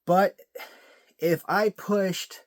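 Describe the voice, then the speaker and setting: Reviewing action figures on video, this collector speaks in a high voice with fairly even intonation and drawn-out words. His commentary is casual and chatty, full of restarted and repeated words as he thinks, and his voice is sore and cracks.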